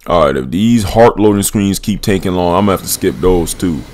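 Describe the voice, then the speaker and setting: A man's voice: lively intonation, a little fast, darkish tone, slight background noise. A man doing casual let's play commentary, swearing freely in slangy, mock-exasperated rants. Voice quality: deep voice. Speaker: gamer commenting over gameplay. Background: game music and dialogue.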